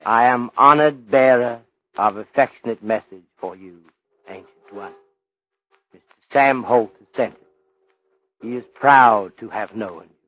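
Philosophical Chinese detective, played by a man: ornate, measured phrasing, mid-pitched, muffled old radio-play recording. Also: lightly acted. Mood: gently respectful. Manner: formal, deliberate, ornate speech dropping articles. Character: courteous, stern, philosophical Chinese police detective. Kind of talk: old radio drama acting.

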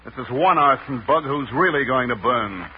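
An actor playing a hard, blunt homicide sergeant who accuses and gives orders in an old-time radio crime drama. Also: male voice, mid-range voice, moderate pace, lightly acted. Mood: scornful, commanding. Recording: dull, noisy old radio recording.

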